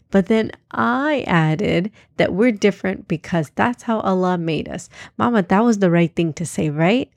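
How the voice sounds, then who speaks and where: A woman's voice: on the low side, darkish tone, no echo, clean studio sound. A woman voicing an eager, bossy, chatty little girl in a children's storybook. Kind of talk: storybook reading.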